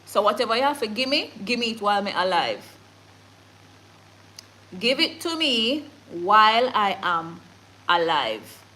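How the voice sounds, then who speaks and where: This livestream features a Jamaican woman hosting news in a casual chat, animated and forceful, laughing frequently and blending patois as she goes through comments. She speaks in a mid-range voice at a measured pace with long pauses, and the audio quality is poor.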